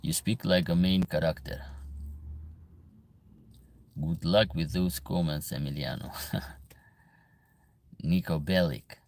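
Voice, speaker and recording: A veterinarian from Albania hosts a livestream, chatting casually as he reads viewer comments aloud and responds, in an Albanian accent. His voice is low, slow and creaky with a darkish tone, and he leaves long pauses.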